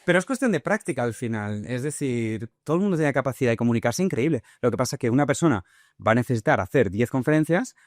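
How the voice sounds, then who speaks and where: A man's voice: medium pitch, lively intonation, fast, no room sound, studio quality. Confident man with a Spain Spanish accent. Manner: confident, emphatic, advice-giving. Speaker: interview guest, speaker. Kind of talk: conversational interview.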